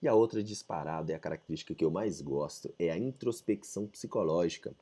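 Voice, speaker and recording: A young man with a Brazilian Portuguese accent giving a casual, slangy literature lesson to high school students, dropping in English phrases. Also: fast talker, warm tone, husky. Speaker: literature teacher.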